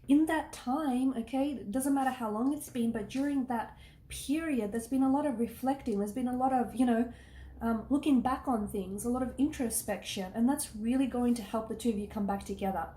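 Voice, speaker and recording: A woman's voice: a little high, brisk, dark tone, roomy sound, slight background noise. Earnest tarot-reading woman, losing her voice. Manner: reassuring, earnest, many fillers like "you know" and "okay". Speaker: tarot reader. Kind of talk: casual tarot reading to camera.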